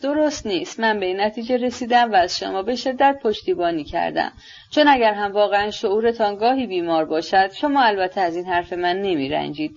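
A woman's voice: mid-range voice, darkish tone. A woman voicing a proud, impulsive young woman who speaks with passionate, defiant emphasis, in a dull lo-fi recording.

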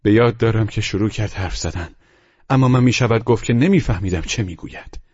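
A man narrating a novel in the first person, measured and dramatic. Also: fairly low pitch, darkish tone, husky, dry recording. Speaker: audiobook narrator. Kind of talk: scripted literary narration. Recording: muffled lo-fi recording.

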